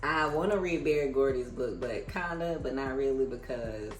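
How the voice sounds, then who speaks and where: An American book reader and reviewer hosts a read-aloud, speaking at normal speed in a mid-range voice while faint music plays in an echoey room. Between passages, they drop informal, conversational asides.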